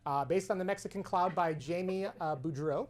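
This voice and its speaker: A woman's voice: lowish voice, fairly quick, darkish tone, a little hiss or hum. A woman hosting a comedic cocktail show, chatty and explaining each step. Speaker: host.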